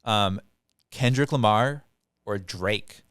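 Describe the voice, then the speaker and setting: Clear-voiced young man hosting casually. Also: on the low side, no echo, clean studio sound. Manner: animated, quick bursts with playful quoted voices. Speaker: podcast host. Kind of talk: casual chat.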